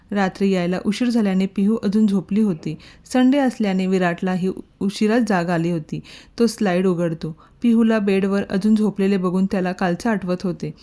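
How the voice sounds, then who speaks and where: A woman narrating a romantic story in a calm, even storytelling manner. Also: medium pitch. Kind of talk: scripted narration.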